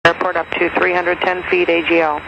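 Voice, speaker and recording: A man reading an airport weather broadcast over the radio in a flat, monotone way. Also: sits high, fairly quick, vocal fry. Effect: recorded airport weather radio broadcast. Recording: dull, noisy radio reception.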